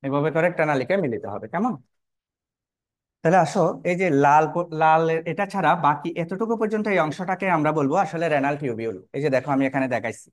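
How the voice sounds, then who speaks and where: A man walks students through a diagram in a recorded lesson. His voice sits a little high for a man, and he keeps asking questions and repeating each term. The sound is close and dry, with no room echo. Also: expressive, quick pace. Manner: repetitive, checks in with "কেমন?" and rhetorical questions. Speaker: biology teacher. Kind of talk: online lesson, explaining while drawing.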